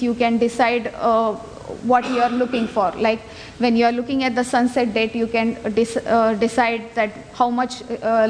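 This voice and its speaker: A woman giving an explanatory technical presentation as a conference speaker. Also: fairly high pitch. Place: large indoor conference room. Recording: echoey hall, noticeable background noise.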